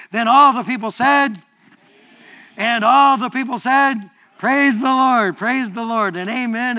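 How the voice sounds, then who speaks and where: With a high voice, a middle-aged pastor delivers a lively, playful sermon. He repeats words often and draws the congregation into call-and-response praise.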